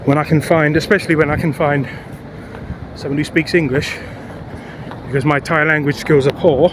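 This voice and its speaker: This vlogger talks casually while strolling city streets and a park path, breathless and rambling, with frequent fillers. He has a fairly high voice, mostly even intonation, and a moderate pace. Traffic noise and city ambience come through on the outdoor mic.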